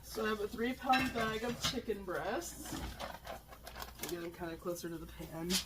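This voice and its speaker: Cooking at home, a woman narrates her vlog in a relaxed, chatty way, stumbling and using fillers, her mid-range voice slightly worn from allergies. She talks at normal speed over heavy background noise, with dishes, pots and pans clattering.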